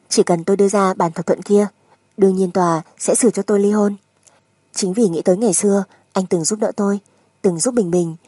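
A woman narrator plays a wife who has made up her mind in a dramatic audiobook. Her voice is mellow and slightly husky, recorded very dry. She stays composed, firm and insistent. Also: mid-range voice, no room sound, close to an everyday voice. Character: resolute, composed young wife demanding a divorce.

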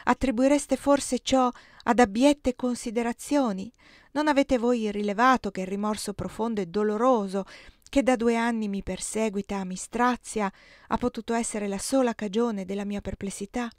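A woman's voice: on the high side, steady tone, normal speed, dry recording, clean studio sound, close to an everyday voice. Osvaldo, a remorseful young lover, read by a woman. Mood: troubled. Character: earnest young Englishman torn by remorse.

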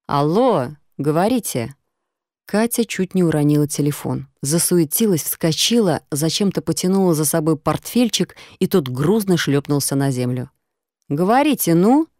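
A woman narrates an audiobook in calm, measured storytelling. Her voice sits low and warm and mellow. The recording is dry and close, with no room sound. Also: dry recording.

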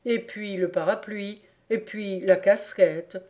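A woman voicing a steady, good-natured man. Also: mid-range voice, slow, natural voice. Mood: dismissive.

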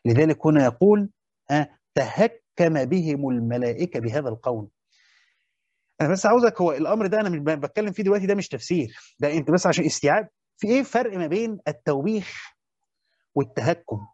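A man's voice: on the high side, expressive, fast talker, darkish tone, no echo, lo-fi sound. A man with an Egyptian accent teaching a lesson on a Quran commentary. He repeats key phrases and keeps checking that his listeners follow. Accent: Egyptian Arabic. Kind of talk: classroom lesson.

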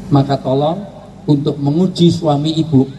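A man's voice: a little high, normal speed, slight background noise, rough recording. A man giving a humorous religious lecture, teasing his audience and acting out quotes. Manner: joking, teasing the audience, lively acted-out quotes. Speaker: preacher.

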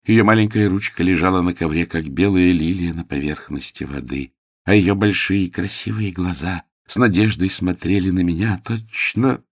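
A man's voice: sits low, moderate pace, no echo, clean studio sound. A man voicing a middle-aged country doctor who rambles dreamily and poetically. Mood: dreamy.

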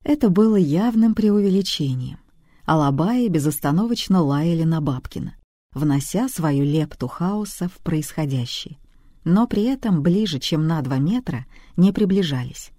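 A narrator reading a detective audiobook with expressive, even delivery on a close mic. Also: mid-range voice, normal speed, no room sound.

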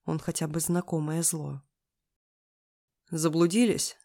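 An audiobook reader giving expressive scripted first-person narration. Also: mid-range voice, a little fast.

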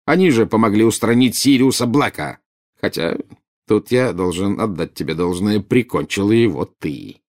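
A man playing a cold, insinuating male double agent in an audiobook, speaking in a measured, condescending way. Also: on the low side, darkish tone, natural voice. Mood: cold, silky.

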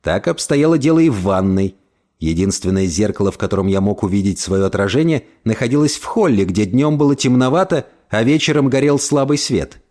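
Expressive male audiobook reader. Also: fairly low pitch, brisk. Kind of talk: first-person audiobook narration.

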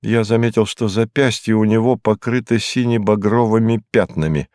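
A man narrating a detective novel in the first person, in a calm, measured reading. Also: on the low side, no room sound, studio quality. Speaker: audiobook narrator.

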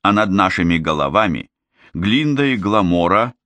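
A man with a very low voice narrates a fantasy novel at a steady, measured pace. The read is even and controlled. The sound is dry and close, with no room echo. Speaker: audiobook reader. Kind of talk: scripted narration.

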